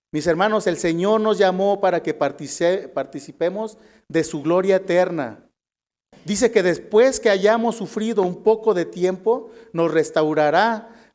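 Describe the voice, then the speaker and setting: A male preacher with a Mexican Spanish accent delivers a sermon and reads scripture aloud. He speaks slowly and deliberately, in a fairly high voice. He keeps calling the congregation his brothers. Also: a little mellow.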